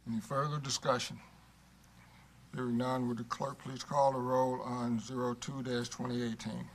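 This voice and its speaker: A man serving as mayor, running a council meeting in a brisk, businesslike, formulaic way. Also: mid-range voice, flat delivery. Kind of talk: formal meeting procedure. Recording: clear background room noise.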